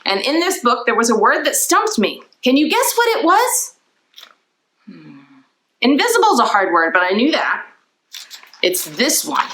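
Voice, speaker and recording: Medium in pitch with a fairly bright tone, a woman reads a story aloud to young viewers. She explains things simply and often asks the children questions.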